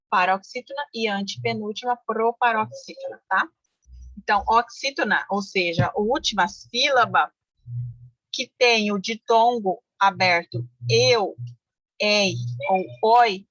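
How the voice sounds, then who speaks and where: A woman's voice: mid-range voice, a bit bright, no room sound. Woman teaching grammar, dull dry audio. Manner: explanatory, many fillers and checks with listeners. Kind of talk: online Portuguese grammar lesson. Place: home, car noise outside.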